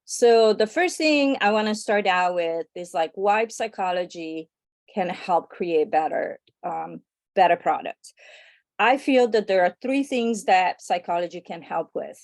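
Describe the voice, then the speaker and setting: A woman with an Italian accent gives an eager, chatty talk on a video call. She speaks in a slightly low, gravelly voice with a few fillers. The sound is dry and close. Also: lively intonation, measured pace, a little mellow, no room sound. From Italy. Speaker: guest speaker. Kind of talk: online presentation.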